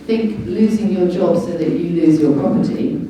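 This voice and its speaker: In an echoey indoor meeting hall, a woman acting as a lawyer makes an impassioned, emphatic public speech about the law, captured by a distant microphone. Her mellow voice sits on the low side at a moderate pace.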